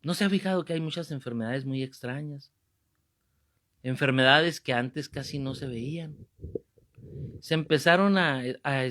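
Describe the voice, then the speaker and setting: Animated preacher, fairly high voice. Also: male voice. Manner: animated, joking, rebuking. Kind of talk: sermon with comic storytelling.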